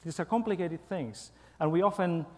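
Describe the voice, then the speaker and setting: A man from Finland giving a lively public lecture, coaxing the audience with frequent "okay?" and "right?". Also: on the high side, moderate pace. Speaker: guest lecturer. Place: large university auditorium. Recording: long hall reverb.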